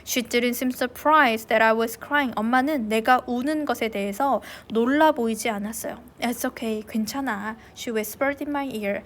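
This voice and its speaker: Teacher lady reading a story slow and clear, then explaining it, kinda high pitched. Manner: slow and clear in English, quicker in Korean. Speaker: English teacher. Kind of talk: reading a novel aloud and translating.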